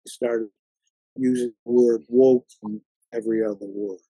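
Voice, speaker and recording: A man hosting a conversational interview, talking haltingly with many fillers and restarts. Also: medium pitch, steady tone, warm tone, husky, dry recording, rough recording. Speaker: interview host.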